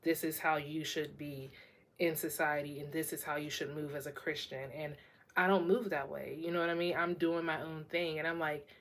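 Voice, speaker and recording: A woman's voice: low voice, fairly even intonation, normal speed, fairly bright tone. A young woman vlogger who has been crying all morning, talking candidly and a bit ramblingly about her feelings. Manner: candid, tearful and rambling, with bursts of laughter. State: worn out from crying. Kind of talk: emotional personal vlog.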